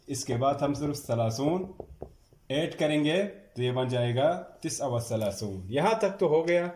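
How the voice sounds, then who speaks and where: A man teaching a classroom lecture, drilling numbers slowly and stressing each one as he repeats it. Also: a little high, a little mellow. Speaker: Arabic teacher. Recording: echoey room.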